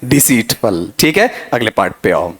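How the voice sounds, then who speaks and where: A middle-aged man teaching an English vocabulary revision class, animated and fond of asking students questions and saying "theek hai". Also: mid-range voice, normal speed. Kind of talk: lively classroom revision lecture.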